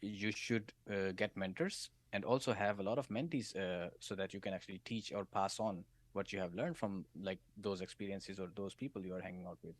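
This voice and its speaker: A man's voice: deep voice, fairly even intonation, fairly quick, hardly any pauses, no room sound. A man being interviewed on a podcast as a solutions architect, giving advice and often checking in with "right?". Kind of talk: casual interview chat.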